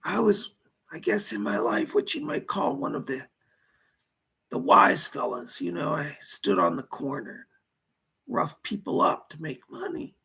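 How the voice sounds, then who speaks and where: A woman as a seance medium in trance, voicing a remorseful, frightened dead male mobster in a husky, halting, anguished way that slips into whispers. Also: low-pitched, very animated, bright, forceful tone, pitched below the performer's own voice, exaggerated voice. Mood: halting, rueful. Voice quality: husky, breathy, creaky. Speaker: seance medium channeling a spirit. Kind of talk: seance medium trance channeling, dramatic first-person confession.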